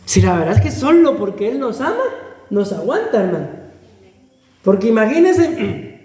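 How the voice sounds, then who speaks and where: Preaching in a reverberant, echoey church hall, this man speaks in a high, warm voice with big pitch swings at a moderate pace. He's a pastor with a Guatemalan Spanish accent whose sermon feels conversational, with frequent calls of brother and soft laughter between phrases.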